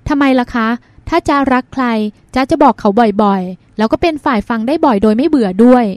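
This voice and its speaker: A woman's voice: fairly high pitch, expressive, brisk, a little mellow, no echo, lightly acted. A woman reading the lines of a dreamy, chatty young woman who plays the younger sister. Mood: playful. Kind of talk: audiobook character reading.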